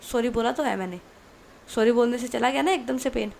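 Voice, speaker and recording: Woman doing a stern hurt young girlfriend, scolding firmly, raspy edge. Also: fairly high pitch, brisk, a little mellow, a little hiss or hum. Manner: firm, scolding.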